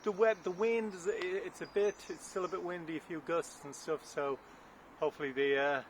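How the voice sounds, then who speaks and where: A man's voice: high-pitched, fairly even intonation, moderate pace, slight background noise. A man vlogging from his garden while digging, out of breath, chatting casually and thinking aloud with unsure asides, picked up by a camera on a stand. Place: garden outdoors, windy.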